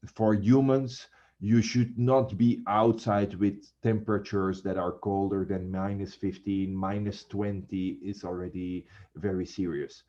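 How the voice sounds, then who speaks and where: Chatty teacher guy, lowish voice, muffled lo-fi sound. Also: level tone, measured pace, dark tone. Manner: chatty, addresses students as guys. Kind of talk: classroom lecture.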